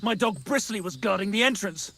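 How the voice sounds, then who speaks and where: An actor playing a menacing, panicky medieval hostage-taker in a video game, threatening and agitated, swearing coarsely. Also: male voice, sits high, fairly quick, gravelly, sharp tone, exaggerated voice. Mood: desperate, agitated. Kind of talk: dramatic video game acting.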